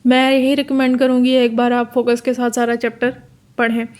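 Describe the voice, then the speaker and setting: A woman tutor with a Pakistani Urdu accent giving a casual exam-prep lecture, explaining step by step and reading English terms out slowly. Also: a little high, monotone, darkish tone.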